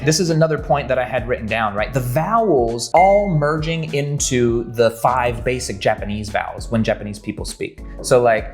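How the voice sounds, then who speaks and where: A man's voice: mid-range voice, normal speed, few pauses, faint music behind. An American man teaching English pronunciation in a casual chat, explaining patiently with lots of "like" and "right?". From United States.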